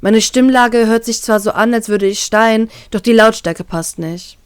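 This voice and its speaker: A woman narrating a first-person fan-fiction story in a calm, even storytelling way. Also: fairly high pitch, measured pace, smooth, no echo, clean studio sound. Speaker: reader, narrator.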